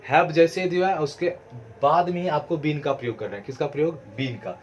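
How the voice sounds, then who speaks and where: An English teacher explains grammar to students, asking questions and then answering them himself. His voice is on the high side at normal speed, with a little hiss or hum in the recording.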